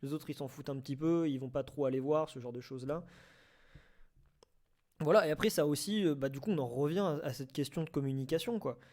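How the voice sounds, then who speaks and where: A man with a slightly high, darkish voice speaks briskly as host of a live online debate about audio fiction. The debate is casual and unscripted, and he comes across as hesitant, often repeating and rephrasing himself.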